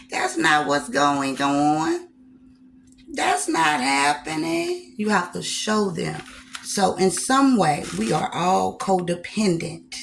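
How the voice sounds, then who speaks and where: A woman with a lower-set voice talks to her viewers while she eats on camera. She keeps it casual and folksy, repeats her phrases and drifts into preachy asides. A faint hum sits under her voice. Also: creaky. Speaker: vlogger.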